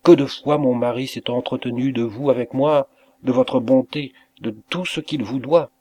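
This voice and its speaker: A man's voice: medium pitch, fairly even intonation, normal speed, warm tone, close to an everyday voice. Man reading a shy, moved young wife.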